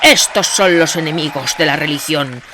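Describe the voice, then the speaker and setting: Woman reading as a calm defiant man. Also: low voice, normal speed, noisy background, lightly acted. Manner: firm, steady, declaiming. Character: calm, defiant male poet orator.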